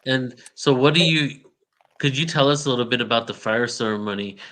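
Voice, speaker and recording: A man's voice: medium pitch, a little fast, sharp tone. A man hosting an interview, introducing his guest and asking her loose, friendly questions. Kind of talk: casual interview.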